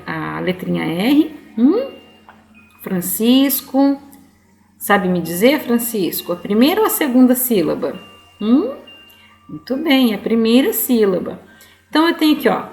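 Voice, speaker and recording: A woman's voice: mid-range voice, creaky, echoey room. A woman teaching young children to read online, patient and coaxing. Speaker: primary school teacher.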